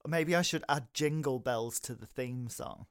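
Young British male podcast co-host, mid-pitched, rambling and enthusiastic, close dry recording. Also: unhurried, clean tone, dry recording. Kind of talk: casual comic chat.

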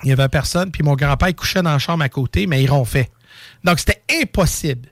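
A man with a Québécois French accent hosting a call-in show, telling a story in an animated, excitable way. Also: a little high, fast talker, no room sound, clean studio sound. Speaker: radio show host. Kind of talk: casual storytelling and call-in chat.

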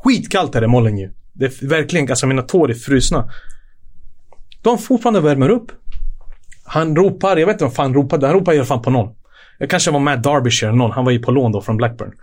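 A middle-aged man, a former footballer, telling casual stories as a podcast guest, acting out quotes and laughing often. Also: medium pitch. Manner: lively storyteller, acts out quotes, laughs often. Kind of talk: casual anecdotal storytelling.

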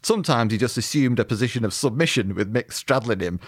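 A man's voice: medium pitch, expressive, quick pace, breathy edge, no room sound, studio quality. A man co-hosting a podcast, reading long quotes with relish and agreeing with short replies. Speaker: podcast co-host. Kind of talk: casual chat, reading passages aloud.

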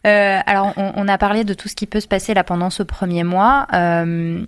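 A woman's voice: mid-range voice, fairly even intonation, normal speed, smooth, dry recording. Woman hosting, close dry sound. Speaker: host. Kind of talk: casual talk show interviewing.

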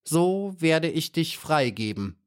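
A man reading puts on a proud male hornet warrior who guards a robbers' castle in a children's tale. He talks bluntly and roughly, a little higher than the narrator's plain voice. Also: very animated, takes it slowly. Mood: pleading.

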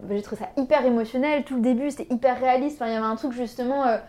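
A woman co-hosting a casual film podcast, her voice sitting slightly high. She hunts for words as she goes, stacking synonyms one after another. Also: steady tone, racing, a little mellow. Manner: adds short agreements and searches for words. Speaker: podcast co-host.

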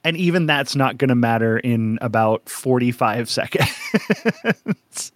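A man's voice: medium pitch, expressive, takes it slowly, no echo, clean studio sound. A man co-hosting a casual podcast, rambling and joking with frequent laughs. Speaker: podcast co-host.

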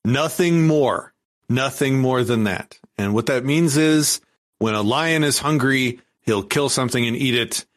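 A man's voice: mid-range voice, unhurried. A man who is a guest on a podcast, explaining a topic in a rambling way with frequent restarts. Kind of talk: casual podcast conversation.

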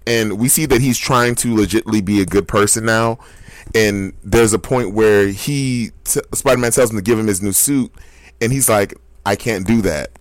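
A man with a low voice talks comics in a relaxed podcast chat. He reacts in an animated way and jumps up high in disbelief. The sound is close and dry. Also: moderate pace, dry recording. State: hiccups. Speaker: podcast co-host. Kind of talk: casual comic book chat.

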